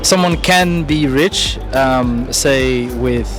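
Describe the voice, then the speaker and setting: A man's voice: mid-range voice, slow, over music. A man answering a street interview outdoors, thoughtful and hesitant. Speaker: passer-by.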